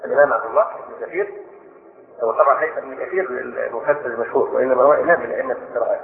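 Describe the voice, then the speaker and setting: An older man giving a spoken lesson on scripture, explaining quickly and slowing to recite verses. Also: mid-range voice, gravelly. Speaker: Islamic scholar giving Quran commentary. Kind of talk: spoken Quran commentary lesson. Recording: echoey room over a tinny phone-like line.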